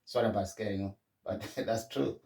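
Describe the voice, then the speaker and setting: A man's voice: on the low side, normal speed, vocal fry, darkish tone, roomy sound, distant mic. A middle-aged man from Zimbabwe hosting a podcast, talking candidly in a reflective solo monologue. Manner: candid and conversational, frequent restarts. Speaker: podcast host.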